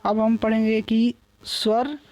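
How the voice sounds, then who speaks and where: A man's voice: sits high, flat delivery, darkish tone, faint music behind. Man teaching a patient grammar lecture. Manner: explains patiently, repeats terms and drawn-out vowel examples. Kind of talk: classroom lecture.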